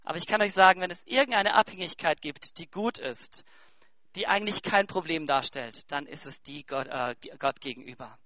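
A man in his thirties preaching a sermon, swinging between soft asides and loud, emphatic bursts. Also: on the high side, normal speed, no room sound. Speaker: pastor.

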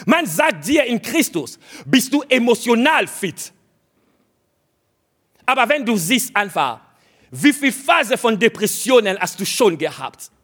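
A man's voice: extremely high pitch, very animated, a little slow, a bit bright. A man preaching a sermon, speaking straight to his listeners and hammering home short, repeated exhortations. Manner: addresses listeners directly.

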